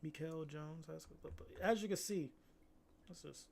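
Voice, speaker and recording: A man's voice: on the high side, moderate pace, vocal fry, darkish tone. A young man chatting casually, laid-back and slangy, often calling others "bro". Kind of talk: casual chat.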